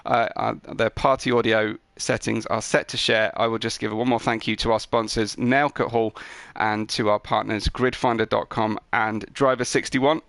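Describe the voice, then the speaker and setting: A man's voice: on the low side, little pitch movement, normal speed, vocal fry, fairly bright tone, no room sound. A man hosting a sim racing league broadcast, chatting upbeat with drivers after the race, with plenty of ums. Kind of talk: post-race interview chat.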